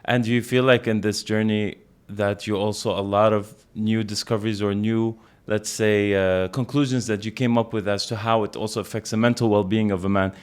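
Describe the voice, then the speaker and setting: A man's voice: fairly low pitch, fairly even intonation, fairly quick, hardly any pauses, smooth. A man hosting a podcast interview, friendly, laughing often and restarting his sentences. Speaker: podcast host.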